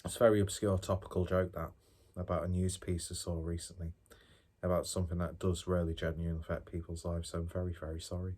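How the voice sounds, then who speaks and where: A man's voice: deep voice, little pitch movement, quick pace, a little mellow, breathy edge. A man giving a casual tasting review to viewers, musing aloud with chatty, self-deprecating asides. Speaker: beer reviewer, host.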